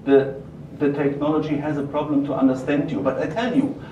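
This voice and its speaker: German guy w strong accent doing a product q&a, halting, far from mic, noisy room. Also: fairly high pitch, little pitch movement, reverberant, muffled recording. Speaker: company presenter taking audience questions. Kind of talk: live product presentation and Q&A. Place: roomy event venue.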